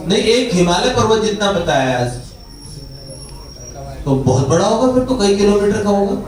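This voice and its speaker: A man giving a devotional satsang talk, explaining verses, chanting couplets slowly and asking his listeners questions. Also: high-pitched. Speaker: spiritual teacher. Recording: echoey hall from far off.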